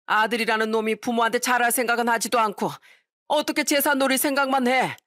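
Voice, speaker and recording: A woman's voice: fairly high pitch, steady tone, fast talker, dry recording, studio quality, voice pushed up, lightly acted. A woman reading an audio story, voicing an angry elderly father-in-law who scolds his greedy son. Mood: furious. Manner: shouting, scolding.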